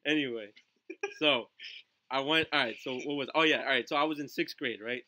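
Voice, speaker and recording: Bright-voiced teenage guy telling a profane story. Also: mid-range voice, brisk. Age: teens. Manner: profane, excitable, with constant fillers and "right?" tags. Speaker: livestream podcast host. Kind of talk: casual storytelling on a live stream. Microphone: home stream mic with glitchy audio.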